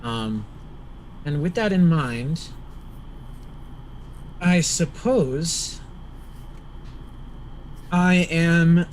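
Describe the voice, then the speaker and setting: A man chatting casually as a player in a tabletop game, halting as he thinks aloud. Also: fairly high pitch, darkish tone, poor audio. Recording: faint background noise.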